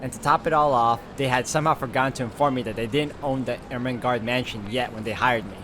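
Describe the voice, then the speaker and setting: Reading visual novel narration aloud during a game playthrough, a male gaming video host sounds informal and expressive, tossing in casual asides and occasionally stumbling. He speaks at a quick pace in a mid-range voice over background music.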